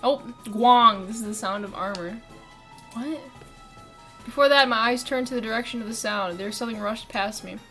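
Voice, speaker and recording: A woman's voice: on the high side, moderate pace, sharp tone, faint music behind. A woman streamer reading a visual novel aloud, laughing and swearing between lines.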